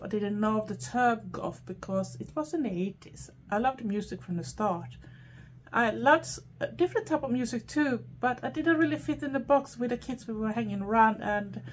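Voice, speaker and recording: A middle-aged woman from Sweden with a Swedish accent, talking in a chatty, rambling way with frequent pauses. She answers viewer questions for her own channel. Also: on the high side, slight background noise. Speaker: vlogger. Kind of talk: casual Q&A chat to camera.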